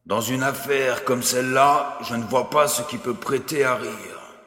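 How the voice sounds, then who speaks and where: A man's voice: medium pitch, unhurried, pushed and bright. A man voicing a stern, ironic middle-aged court president in an audiobook drama. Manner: stern, authoritative. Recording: echoey room with long reverb.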